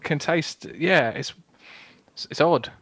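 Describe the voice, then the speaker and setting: A man's voice: on the high side, slow, fairly bright tone, husky. A man co-hosting a podcast in casual comic chat, with matey, sweary banter. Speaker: podcast co-host.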